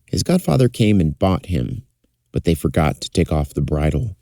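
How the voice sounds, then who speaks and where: A man's voice: low voice, big pitch swings, moderate pace, vocal fry, mellow, dry recording, clean studio sound. A man telling a folktale in a fireside storytelling style, as narrator. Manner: acts out characters' dialogue.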